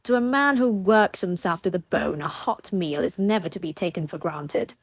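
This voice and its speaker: A woman's voice: lowish voice, animated, normal speed, dry recording. A woman voicing a frank, good-humored young lord, close to her own reading voice. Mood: jovial. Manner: frank, jovial.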